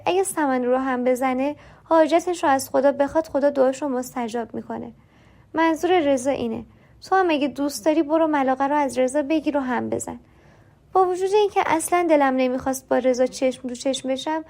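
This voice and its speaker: A woman with a high, light voice tells her own story in a confiding tone. She narrates steadily and slips into the other people's lines as they come up. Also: darkish tone. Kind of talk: first-person storytelling.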